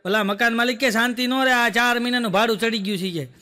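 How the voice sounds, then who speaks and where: A man doing stand-up comedy, telling jokes rapidly and acting out the dialogue of his characters. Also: extremely high pitch, pushed and bright, big-room sound. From Gujarat, India. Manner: rapid joke telling, acting out quoted dialogue, frequent rhetorical "બોલો". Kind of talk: Gujarati joke telling on stage.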